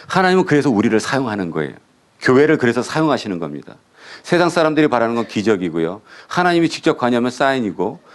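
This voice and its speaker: Male pastor, middle-aged, conversational sermon full of questions to the congregation, very animated pitch. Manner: asks the congregation questions and answers them himself.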